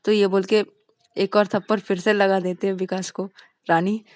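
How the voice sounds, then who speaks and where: A woman's voice: medium pitch, level tone, moderate pace, darkish tone, no room sound. A woman narrating a romance story in a plain, casual, repetitive way. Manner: plain, repetitive, linking lines with "to tabhi".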